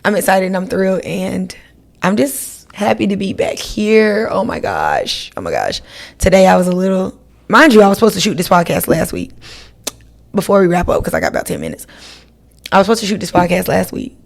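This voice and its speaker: A woman's voice: mid-range voice, fairly quick, creaky. A woman, hosting her podcast in a chatty, rambling style and talking straight to her listeners. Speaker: podcast host. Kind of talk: casual solo podcast chat.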